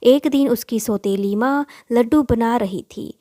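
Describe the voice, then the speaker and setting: A woman tells a moral story in a steady, scripted narration. Her voice sits fairly high and sounds warm and mellow. The recording is close and dry, with no room sound. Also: a little slow, no room sound.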